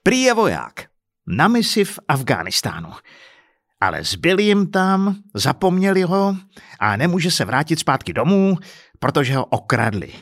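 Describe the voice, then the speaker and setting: A man doing a furious, shouting middle-aged husband. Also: medium pitch, very animated, slightly rough, no echo. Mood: furious ranting. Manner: shouting, indignant, crude.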